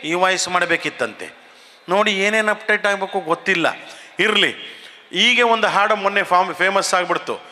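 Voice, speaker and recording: A man, a mimicry comedian, telling comic stories on stage into a handheld mic in a chatty, animated way. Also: high-pitched. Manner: chatty, animated, quick asides. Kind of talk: stand-up storytelling. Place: event hall stage. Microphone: handheld mic through PA. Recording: stage mic in a reverberant hall.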